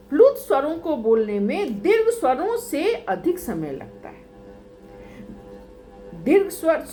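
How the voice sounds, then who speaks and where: A woman teaching a grammar lesson, asking questions and then answering them herself, listing each item slowly. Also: sits high, a little mellow. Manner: slow, deliberate, spells items out one by one.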